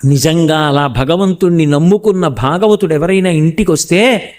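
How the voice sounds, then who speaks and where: Man preaching a devotional talk, fairly high voice, chants verses slow then explains, earnest. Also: a little mellow. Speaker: religious discourse speaker. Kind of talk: devotional sermon with storytelling.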